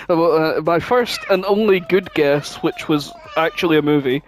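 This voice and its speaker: A podcast co-host with a fairly high-pitched voice chats casually at an unhurried pace. He is foul-mouthed and exclamatory, swearing freely as he talks.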